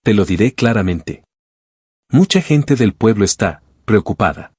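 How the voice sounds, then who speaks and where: A man's voice: lowish voice, lively intonation, measured pace, darkish tone, breathy edge, no echo, clean studio sound. A man voicing a severe village priest who speaks with cold reproach in a spoken story. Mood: stern.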